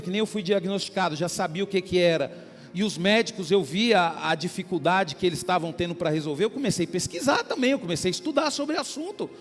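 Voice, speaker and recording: A male pastor preaching a sermon, talking warmly to the congregation and acting out little everyday dialogues. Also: high voice, big-room sound. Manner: preaching with small acted-out dialogues and frequent "queridos".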